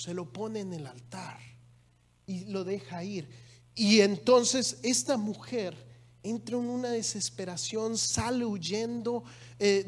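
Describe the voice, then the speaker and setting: A man's voice: high voice, darkish tone. Man preaching a conversational sermon. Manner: conversational preaching, emphatic rises. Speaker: pastor.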